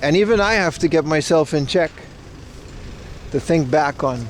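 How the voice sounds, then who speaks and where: A man's voice: fairly high pitch, expressive, moderate pace, slight background noise. A man streaming through a headset mic. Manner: rambling, laid-back, swears casually. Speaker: livestream host. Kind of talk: casual live-stream chat. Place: outdoors in a city, near a parking garage.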